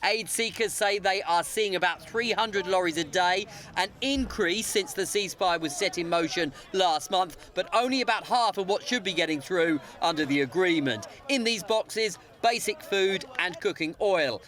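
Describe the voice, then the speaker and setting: A male reporter reading a news report voice-over in a measured, formal way. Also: sits high, fairly bright tone.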